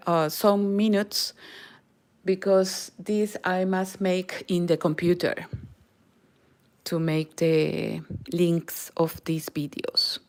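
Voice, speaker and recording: On her crochet channel, this middle-aged host from Peru teaches live in careful English, her Spanish accent showing as a native Spanish speaker. Her voice is lowish and frequently drops nearly to a whisper.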